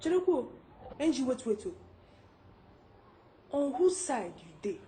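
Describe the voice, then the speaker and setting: Fed-up nigerian wife, high voice, all over the place, laughs a lot. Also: female voice, measured pace. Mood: mocking. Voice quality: animated, laughs often. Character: fed-up young wife, loud and mocking. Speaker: film actor. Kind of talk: film drama acting.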